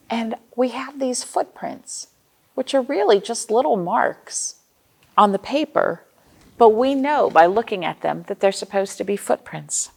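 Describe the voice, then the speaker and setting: A woman with a fairly high voice and vocal fry works as a librarian hosting a storytime for young children. She speaks expressively and asks her young listeners questions.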